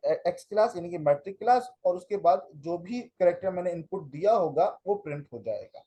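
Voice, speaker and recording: Man, high mellow voice, patient step-by-step coding teacher. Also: slight background noise, poor audio. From Pakistan. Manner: explains step by step, mixing in English phrases. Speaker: computer teacher. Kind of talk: classroom lecture with live coding.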